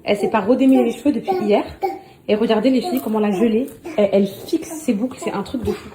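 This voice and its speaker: A woman vlogging casually on her phone at home, chatty and excitable, talking straight to her followers and laughing often. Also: a little high, fast talker, crowd noise. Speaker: lifestyle vlogger. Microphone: phone held at arm's length.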